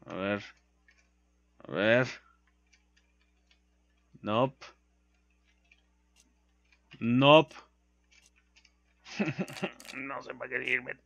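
Excitable Mexican man, young, gaming commentary, lively pitch, sharp tone, cussing yelps. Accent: Mexican Spanish. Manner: excitable, swears and yelps when startled. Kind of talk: let's play commentary.

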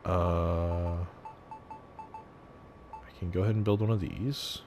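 A man casually commenting on his gameplay, relaxed and thinking aloud with fillers. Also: sits low, slow, background noise. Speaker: gameplay video host.

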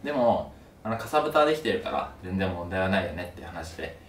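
A young man chatting casually to camera in an animated storytelling way, his mouth sore after having wisdom teeth pulled. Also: low voice, fast talker. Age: young adult. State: mouth sore two days after wisdom tooth removal. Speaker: video creator. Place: small room at home, indoors. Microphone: camera a few steps away. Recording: roomy, distant mic, some noise.

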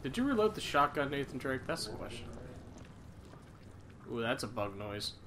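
A man's voice: medium pitch, very animated, moderate pace, noisy background. Snarky young man commenting on a game. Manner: reads game notes aloud, snarky and exasperated. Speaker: host playing a horror game. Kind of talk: casual gaming commentary.

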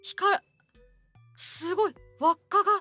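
A woman streaming a live anime watch-along, reacting excitably with gasps and then scolding herself. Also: extremely high pitch, takes it slowly, no echo, soft background music. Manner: excitable, gasping, self-deprecating. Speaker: VTuber streamer.

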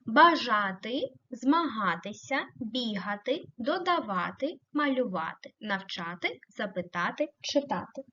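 Woman, schoolteacher, slow careful delivery, sing-song questions, slightly muffled recording. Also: fairly high pitch. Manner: slow, clearly articulated, stretches example words; asks the class questions and praises them. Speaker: primary school teacher. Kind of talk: recorded online lesson.

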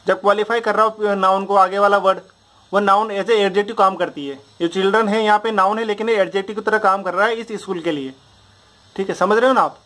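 At a board, a young man with a fairly high, bright, forceful voice teaches a Hindi grammar lesson in a steady tone, a little fast. He explains patiently step by step, repeats the same example drills again and again, and keeps checking that listeners follow.

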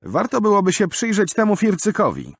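Storybook figure: a man voicing a sardonic youth, dry and mocking, voice raised high. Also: huge pitch swings, brisk, husky, no room sound, exaggerated voice. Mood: wry, mocking. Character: wry young man, mocking and perceptive.

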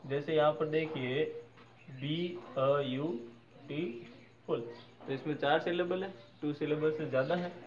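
Speaking briskly on the high side with fairly even intonation, a man runs through an English grammar lesson. He spells out word endings and keeps checking that viewers keep up; the recording is a bit dull, with faint noise.

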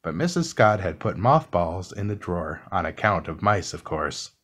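A man reading a children's book aloud as calm bedtime narration, soft and unhurried. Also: low voice. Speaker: storybook reader.

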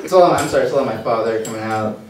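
Stand-up comic, man, mid-pitched, awkward self-mocking delivery; roomy far-off club recording. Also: rapid-fire, over music. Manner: rambling, awkward, self-deprecating. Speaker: stand-up comedian. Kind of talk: stand-up set. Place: comedy club stage. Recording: echoey club room, mic far off, loud hiss.

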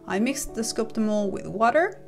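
A woman narrating a step-by-step model-making tutorial as a voice-over, calm and methodical as she explains each stage. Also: fairly high pitch, normal speed, vocal fry, soft background music. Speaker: model maker explaining her build.

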